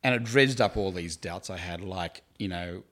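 A man's voice: deep voice, normal speed, a bit bright. An Australian man from Tasmania, around his forties, a guest in an interview who tells his own stories chattily and with self-deprecating laughs. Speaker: campus ministry worker, guest. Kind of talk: casual interview storytelling.

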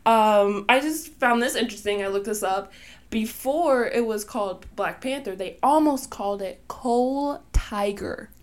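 A woman's voice: fairly high pitch, unhurried. A woman co-hosting a casual podcast, chatting about films, often stumbling over names, apologizing and laughing. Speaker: podcast co-host. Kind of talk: casual chat.

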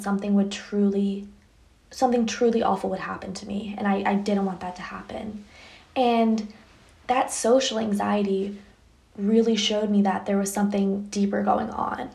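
A woman's voice: medium pitch, gravelly, darkish tone. A young woman hosting a podcast, telling a candid personal story in a chatty way full of fillers. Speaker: podcast host.

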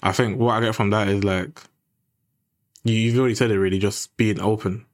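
Young guy cohosting, chill, agrees w everything, kinda low voice, dry sound. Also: fairly even intonation, fairly quick, no room sound. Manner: agreeable, backing others' points. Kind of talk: casual chat.

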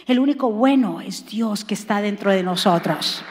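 A woman pastor preaching a sermon to her church, swinging from soft, low passages up to loud shouted exhortation. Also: lively intonation, normal speed, a faint crowd. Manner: preaching with sudden rises to shouting. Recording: long hall reverb.

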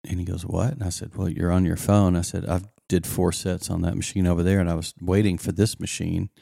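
Male co-host, very low gravelly voice, dark tone, lively storyteller for faith podcast. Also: fairly quick, no echo, studio quality. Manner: animated storyteller, acts out quoted lines. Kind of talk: casual faith chat.

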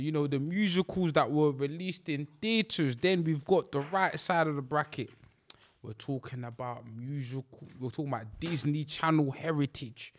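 A young man hosts a casual group chat in a fairly high voice. He has a London roadman accent, heavy with slang, and repeats phrases for emphasis. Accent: London, urban slang. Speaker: host and moderator. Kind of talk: casual group banter and hosting.

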